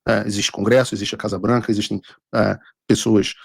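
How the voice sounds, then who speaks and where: A man with a Brazilian accent and a husky voice, hosting a live political show with commentary and read-out texts. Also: fairly low pitch, level tone, brisk, no echo, studio quality.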